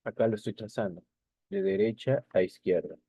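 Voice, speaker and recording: Man teaching a language lesson, warm. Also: lowish voice, normal speed, husky, dry recording. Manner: repeats key points with tag questions. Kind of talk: recorded language lesson over slides.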